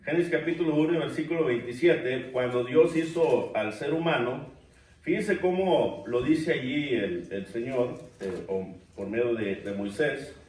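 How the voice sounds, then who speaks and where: A man's voice: medium pitch, unhurried, darkish tone. A man teaching a church bible class, addressing the listeners as brothers and putting questions to the class. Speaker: preacher. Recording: distant mic in echoey church room.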